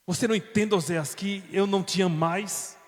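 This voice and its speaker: A man voicing a defiant, unfaithful young wife who shouts that she is leaving her husband. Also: normal speed, long reverb tail, close to an everyday voice. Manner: shouting, high and cutting.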